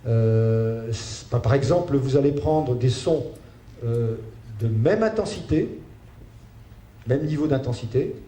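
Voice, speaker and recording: A man giving a spoken lecture, halting, with many fillers and restarts. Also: medium pitch, dark tone. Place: lecture hall. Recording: roomy hall sound with faint ambient noise.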